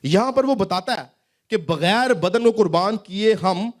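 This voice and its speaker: A male pastor preaching a sermon in a church hall, asking rising questions and then dropping his voice low. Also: animated.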